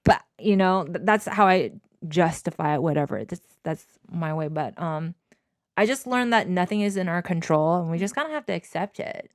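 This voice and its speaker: A young woman with a slightly low voice talks in a candid, informal way, like a co-host sharing a personal story. The sound is close and dry, spoken into a handheld microphone. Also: animated, moderate pace, dry recording. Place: small bedroom, indoors.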